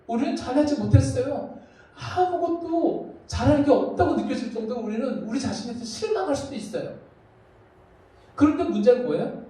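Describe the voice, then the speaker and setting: A man's voice: very high-pitched, moderate pace. A man preaching a children's sermon, telling stories and acting out the voices he quotes. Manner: lively storytelling, acts out quoted voices. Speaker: children's pastor. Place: church hall. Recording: echoey church hall, mic from far off.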